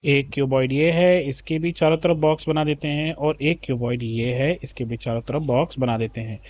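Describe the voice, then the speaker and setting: A man's voice: mid-range voice, fairly even intonation, a little mellow. A man teaching a children's maths lesson, patiently explaining a textbook and calling the pupils "beta". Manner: reads English questions slowly, then explains in Hindi.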